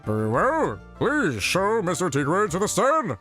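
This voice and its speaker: A man's voice: high voice, wildly swooping pitch, unhurried, fairly bright tone, soft background music, voice pushed up, exaggerated voice. A man doing a flustered old judge. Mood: formal. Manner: flustered, stammering. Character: bumbling elderly male judge. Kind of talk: live game voice acting.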